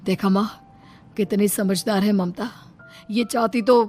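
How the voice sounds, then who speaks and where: A woman's voice: mid-range voice, steady tone, a little slow, a little mellow, faint music behind, voice pushed down, close to an everyday voice. A woman voicing a young husband in a cartoon story, worried for his wife and accusing his mother. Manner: accusing, protective.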